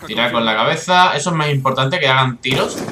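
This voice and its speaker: A man with a Spain Spanish accent giving excitable, swearing live commentary over his own gameplay, with bursts of frustration. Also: mid-range voice, a little fast, reverberant, noisy background. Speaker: gaming YouTuber.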